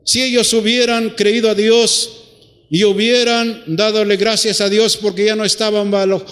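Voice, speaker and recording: A man's voice: high-pitched, level tone, moderate pace, fairly bright tone. A man preaching a sermon, putting rhetorical questions to his congregation and drawing out phrases for emphasis, recorded in a church hall.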